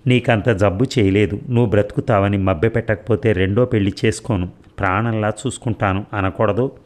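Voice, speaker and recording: A man reads out a sick young wife, burning with fever and grieving for her little daughter, in a deep, low voice. Her words come weak and pleading, in a slow storybook reading. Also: fairly even intonation, close to an everyday voice.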